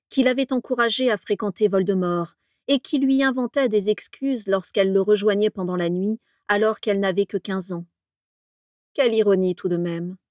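A woman reads a story aloud with measured, dramatic pacing. Her voice sits at a middle pitch and is recorded dry and close, with no room sound. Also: darkish tone, no room sound. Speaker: narrator. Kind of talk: scripted narration of a story.

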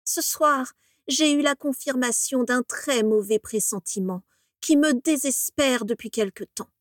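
Voldemort, a woman voicing a cold scornful dark lord. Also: high-pitched, no echo, clean studio sound, voice pushed up. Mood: contemptuous. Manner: slow, cutting, disdainful.

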